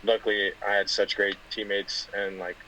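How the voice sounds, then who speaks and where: A young man from California, a guest football player, talking softly in a casual interview with lots of fillers. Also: on the low side, little pitch movement, normal speed, slight background noise, rough recording. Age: 20s. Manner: soft-spoken, many fillers and restarts.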